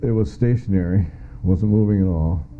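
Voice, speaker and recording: A former air traffic controller, this middle-aged American man testifies about what he witnessed firsthand, plainly and matter-of-factly, in an interview. His voice is deep and moves at a normal speed. The muffled lo-fi audio has faint music behind it.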